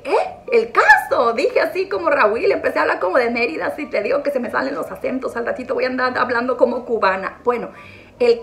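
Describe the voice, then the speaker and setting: A middle-aged woman vlogger from northwest Mexico rambles chattily through a monologue, tossing in self-mocking asides. Her voice sits high with a fairly bright tone, and it was recorded on a phone.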